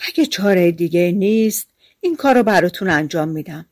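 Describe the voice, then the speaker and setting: A woman reading the lines of a crafty, smooth-talking peasant man in a storybook fairy tale, in a sly, placating way. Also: lowish voice, lively intonation, a little mellow, no echo, clean studio sound, natural voice.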